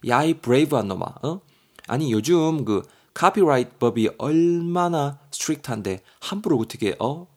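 A man playing a brash young man who scolds his friend loudly and roughly. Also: on the high side, lively intonation, moderate pace, voice pushed up. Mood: scolding.

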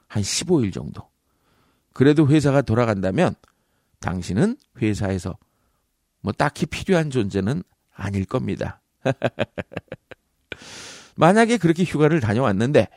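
A man hosts a comic speech-coaching podcast, teasing his listeners as he gives workplace advice. His pitch swings widely as he acts out little scenes. The close mic sounds dry, with no room around him. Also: darkish tone, no room sound. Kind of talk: comedic advice monologue.

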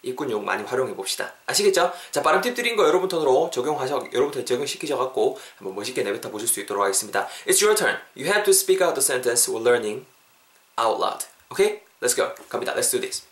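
A man teaching a language lesson in an easy, encouraging way, repeating phrases slowly so listeners can follow. His voice sits at a middle pitch and carries a roomy echo around it. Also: lively intonation, fairly bright tone. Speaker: English teacher.

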